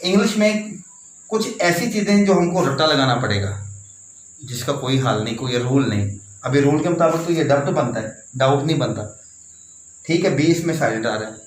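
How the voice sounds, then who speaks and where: A man's voice: medium pitch, lively intonation, moderate pace. Man teaching, spelling words out. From Pakistan. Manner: spells words out letter by letter, repeats points. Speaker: English teacher. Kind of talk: classroom-style explanation. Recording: echoey room, faint background noise.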